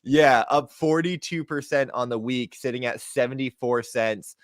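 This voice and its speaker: A man's voice: mid-range voice, moderate pace, no room sound. Crypto-bro man giving casual market commentary, dry sound. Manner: hyped crypto-bro slang and shout-outs. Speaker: co-host of a crypto gaming show.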